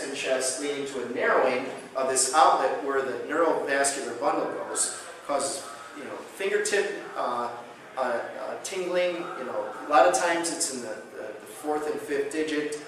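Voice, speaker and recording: A man's voice: a little high, moderate pace, fairly bright tone. A man giving a conference lecture as a chiropractic speaker, telling patient stories and acting out both sides of the conversations. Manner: anecdotal, acts out dialogue in storytelling. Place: conference hall. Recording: echoey hall, distant mic, faint noise.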